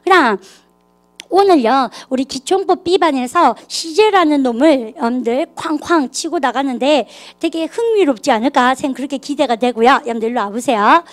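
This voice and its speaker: A woman teaching an English grammar class, lively and coaxing students to repeat phrases aloud. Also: high-pitched, normal speed. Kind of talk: classroom lecture.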